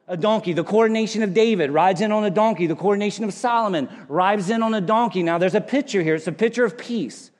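A male pastor preaching a sermon from the pulpit, with dramatic pauses and sudden hushed drops in his delivery. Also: high voice. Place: church sanctuary. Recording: long hall reverb.

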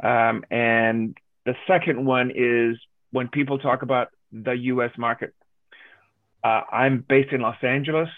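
Over a video call, a guest business advisor from Denmark fields interview questions with blunt emphasis, ticking off points one by one. He speaks at a medium pitch with a steady tone and measured pace, and although there's no echo, the line sounds thin and phone-like.

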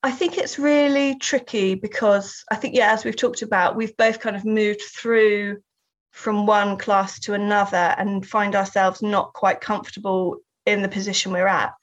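A woman with a Southern English accent, a guest artist and writer from England, reflects thoughtfully in an interview, often laughing and restarting sentences. Her mid-range voice is steady at a normal speed, and the lo-fi recording sounds slightly dull.

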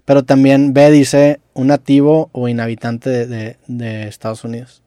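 A young Mexican man in casual chat, musing out loud and using slang. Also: mid-range voice, monotone, moderate pace, clean tone, no echo, clean studio sound. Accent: Mexican Spanish.

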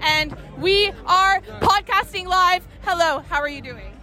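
A drunk young woman vlogging a night out, loud, giggly and profane, dropping into Persian now and then. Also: very high-pitched, measured pace. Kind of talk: casual drunk party vlog. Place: outdoors at a night club event. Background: music and crowd.

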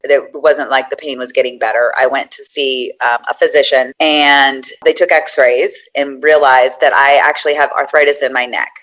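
A woman in her forties, a podcast guest telling her story in a chatty, animated way. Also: a bass voice, moderate pace, hardly any pauses, rough recording. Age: 40s. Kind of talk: conversational interview.

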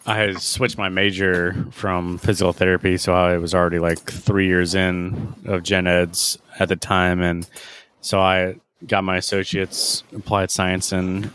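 A man who works as a radiologic technologist, telling his career story in a relaxed, casual podcast chat. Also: sits low, measured pace, clean tone, dry recording.

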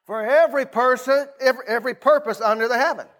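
A middle-aged American man with a notably high-pitched voice preaches as a pastor. His sermon is informal and folksy, more like conversation than oratory. He repeats phrases and prompts his listeners to respond. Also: quick pace, fairly bright tone.

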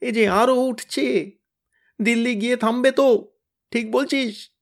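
A man voicing a bossy, blustering teenage boy who leads his gang with loud scolding commands. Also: mid-range voice, normal speed, natural voice. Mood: panicked wailing.

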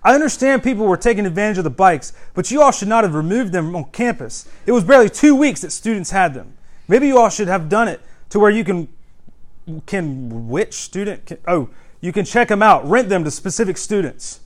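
A man's voice: on the high side, expressive, slow, few pauses. A man putting on an accent to read out an indignant student's complaint. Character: anonymous fed-up student ranting in the newspaper.

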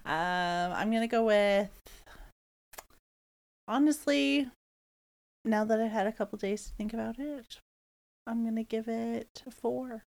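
Gravelly-voiced woman co-host, dry. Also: fairly high pitch, unhurried, long pauses, darkish tone. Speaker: podcast co-host. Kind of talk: casual movie review chat.

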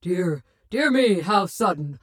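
A woman doing a booming, pompous wizard. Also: animated, slow.

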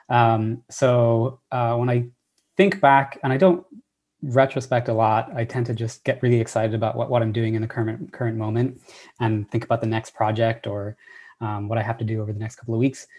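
An Irish man in his thirties, a professor telling his story in a relaxed interview, enthusiastic and full of ums and restarts. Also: medium pitch. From Ireland. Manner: enthusiastic, many fillers and restarts. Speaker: assistant professor, guest.

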